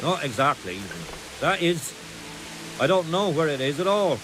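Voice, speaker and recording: A man's voice: on the high side, lively intonation, unhurried, noisy background. A man voicing a wary, grudging medieval village tradesman in a video game. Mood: grudging, cooperative.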